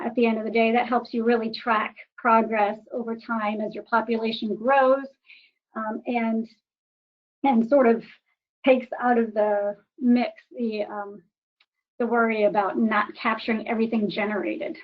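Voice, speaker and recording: Woman presenter, slightly high voice, warbly computer audio, muffled, hesitant with ums. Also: little pitch movement, a little slow. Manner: hesitant, with frequent ums and restarts. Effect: warbly voice through a computer connection. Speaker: webinar presenter. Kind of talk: slide presentation with data. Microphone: computer microphone.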